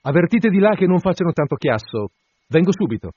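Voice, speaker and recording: A man's voice: fairly high pitch, very animated, brisk, a little mellow, breathy edge, no room sound, highs cut off, voice pushed up. A man voicing an affected, flustered society baroness in her fifties, fussy and pompous, in a storybook reading. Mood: bossy.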